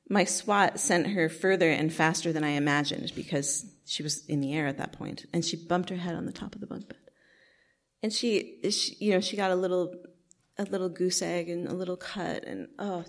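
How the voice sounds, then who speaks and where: Low-voiced woman telling a personal story. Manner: reflective, hesitant, many restarts and fillers. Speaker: storyteller recounting her childhood.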